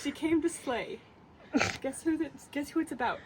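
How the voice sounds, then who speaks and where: Giggly high-voiced young woman. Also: normal speed, heavy background noise. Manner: giggly, breaks into laughter while reading. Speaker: vlogger reading fanfiction aloud with a friend. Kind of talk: casual chat.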